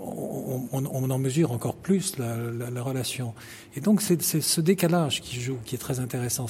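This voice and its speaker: Middle-aged conductor guy explaining things clearly, ordinary pitch, slight hiss. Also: dark tone. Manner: articulate, explanatory. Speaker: conductor and composer. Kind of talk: interview answers.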